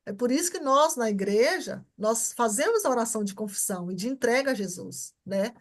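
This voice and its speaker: Lively high-voiced Brazilian woman teaching. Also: brisk. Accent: Brazilian Portuguese. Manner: repetitive, keeps checking understanding with short tags. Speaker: church welcome class teacher. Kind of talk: informal Bible class teaching.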